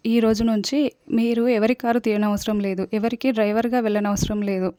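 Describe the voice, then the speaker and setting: A woman's voice: on the high side, level tone, a little fast, no echo, clean studio sound, lightly acted. Woman reading as a defiant young woman. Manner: sharp, defiant retorts.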